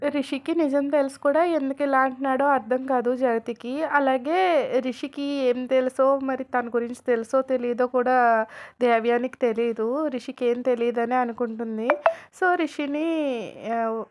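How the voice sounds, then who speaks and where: A woman with a high voice casually retells a story scene by scene. She strings events together with frequent tag fillers in a relaxed storytelling manner. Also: moderate pace.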